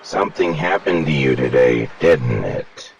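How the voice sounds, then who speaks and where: A man voicing a gruff, grandfatherly old male steam locomotive in an audio story, speaking in a slow, weighty, rueful way with a booming, gravelly voice. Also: expressive, dull audio, over a noisy crowd, heavily acted. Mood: concerned. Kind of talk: audiobook character voice.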